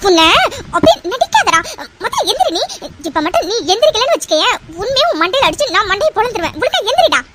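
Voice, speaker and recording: A woman's voice: very high-pitched, very animated, fast. A woman voicing a young cartoon woman who is fiercely devoted to her sweetheart and talks in a pleading, scolding way. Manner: pleading, then scolding and tearful. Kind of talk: cartoon voice acting. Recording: noisy recording.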